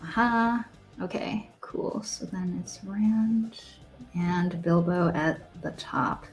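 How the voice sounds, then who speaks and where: Woman, game master, slow unhurried delivery, laid-back, chatty with fillers. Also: lowish voice, faint music behind, rough recording. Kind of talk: running a tabletop game, casual chat.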